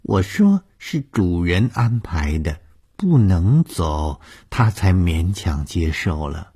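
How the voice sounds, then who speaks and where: A man's voice: low voice, very animated, slow pace, mellow, breathy edge, heavily acted. A man voicing a timid eighteen-year-old maid who speaks shyly and hesitantly, in a storytelling reading. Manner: shy and hesitant.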